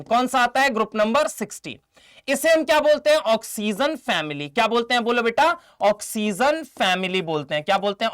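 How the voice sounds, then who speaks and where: A man with a high voice teaches an online chemistry class. He fires short questions at his students, then slows right down to chant memory tricks line by line. His tone stays warm and coaxing. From India. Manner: affectionate, calls students 'beta' and 'mere laal'. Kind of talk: online exam-prep lecture.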